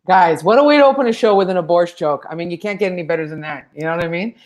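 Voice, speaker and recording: A woman's voice: on the low side, lively intonation, rapid-fire, a little mellow. A woman hosting a comedy show, brash, profane and rambling. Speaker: host. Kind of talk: casual comedic monologue.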